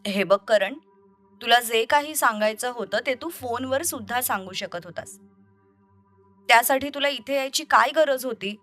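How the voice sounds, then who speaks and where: A woman's voice: fairly high pitch, moderate pace, fairly bright tone, faint music behind, lightly acted. Woman voicing a tense, defensive young woman. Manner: tense, pleading for him to leave. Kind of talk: audio story reading.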